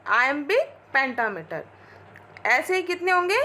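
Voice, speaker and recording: High bright-voiced woman teaching a class. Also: big pitch swings. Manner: explains slowly, asks and answers her own questions. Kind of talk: classroom lecture mixing Hindi and English.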